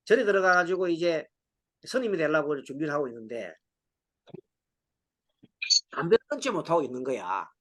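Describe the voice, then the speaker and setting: Lively, high-voiced male monk lecturing. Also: moderate pace, pauses often. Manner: lively storytelling, acts out dialogue, laughs often. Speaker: Buddhist monk giving a Sunday lecture. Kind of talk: dharma talk with anecdotes.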